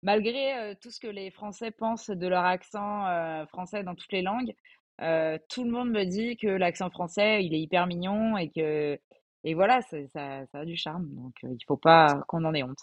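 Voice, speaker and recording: This podcast guest is a woman in her twenties from France with a lowish voice and a normal speaking speed. Her casual conversation is chatty but hesitant, packed with fillers.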